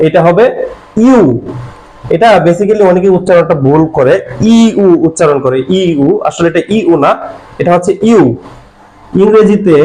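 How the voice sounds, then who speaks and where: Male language teacher, fairly high voice, repetitive drilling delivery, whiteboard lesson. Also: darkish tone, rough recording. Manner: repetitive, drills letter names with mnemonic stories.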